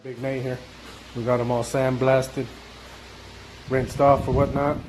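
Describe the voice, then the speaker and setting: A man's voice: mid-range voice, little pitch movement, measured pace, very noisy. A man narrating his own workshop vlog in a loose, chatty way, with many fillers and restarts. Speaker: DIY vlogger.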